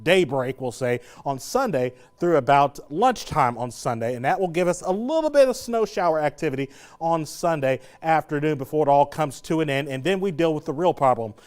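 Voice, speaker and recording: A man's voice: on the high side, expressive, a little fast. A man, a TV meteorologist giving a live weather forecast in a chatty, joking way, slightly out of breath. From Southern Indiana. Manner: chatty, jokey, laughs between points.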